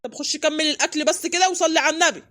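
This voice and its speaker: A voice actor playing a harried young village husband, pleading for calm in a cartoon. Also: sits high, rapid-fire, noisy background, lightly acted. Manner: pleading, exasperated peacemaker.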